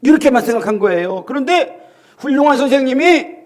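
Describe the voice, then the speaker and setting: A male pastor with a Gyeongsang Korean accent preaching a sermon, telling the story with animated acted quotes and questions to the congregation. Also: extremely high pitch, brisk.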